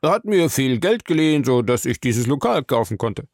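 A man voicing a smooth-talking, evasive male bar owner in an audiobook, lifting his voice higher and giving it a changed tone. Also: big pitch swings, moderate pace, no echo, clean studio sound.

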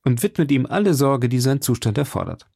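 A man voicing a courteous young cavalier in an audiobook reading, speaking in a calm, reassuring way. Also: mid-range voice, fairly quick, vocal fry, breathy edge, no room sound, studio quality, heavily acted. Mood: assured.

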